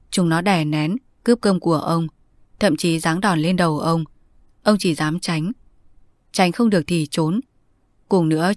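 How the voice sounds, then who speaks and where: A woman narrating a novel in a steady, measured storytelling manner. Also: fairly low pitch, no room sound. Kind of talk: audiobook narration.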